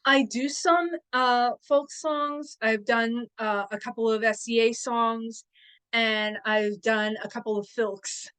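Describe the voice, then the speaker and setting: Woman, podcast guest, slow, hesitant, fillers, slightly high voice. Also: steady tone, fairly bright tone, smooth, poor audio. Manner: hesitant, with many fillers and restarts. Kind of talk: casual interview chat.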